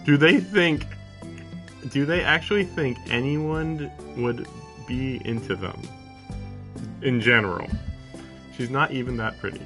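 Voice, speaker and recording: Speaking at a measured pace with long pauses, a medium-pitched man reads a visual novel aloud on a live stream. He adds casual, sarcastic comments as game music plays in the background.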